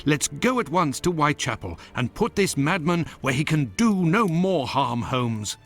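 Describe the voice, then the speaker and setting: A principled British doctor, the loyal companion in a detective adventure game. His fairly high male voice swings expressively, earnest and proper, with every moral point emphatically made. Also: sing-song, measured pace, fairly bright tone, faint music behind, full character voice. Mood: urgent, wary. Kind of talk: dramatic video game acting.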